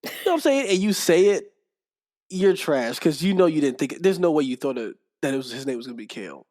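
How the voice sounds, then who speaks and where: A young man, a podcast guest, telling stories in casual chat, animated and laughing often as he acts out what people said. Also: a little high, fast talker.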